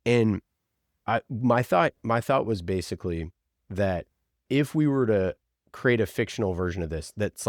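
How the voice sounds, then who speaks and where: Here's a man with a lowish, slightly mellow voice, recorded at studio quality with no room sound. He's a podcast producer in an interview, casually and eagerly telling stories packed with "like."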